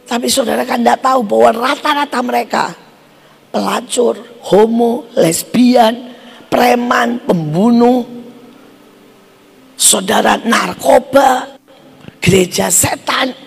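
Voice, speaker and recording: A woman evangelist giving a fiery sermon, forceful and bursting into shouts. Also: a little high, takes it slowly, creaky, long pauses, breathy edge, big-room sound. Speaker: evangelist preacher.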